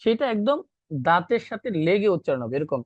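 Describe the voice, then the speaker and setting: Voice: medium pitch, very animated, fairly quick, no room sound, highs cut off. A teacher giving an online language class, repeating practice syllables and mixing in English words. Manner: repeats drilled syllables, code-mixes English. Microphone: video call.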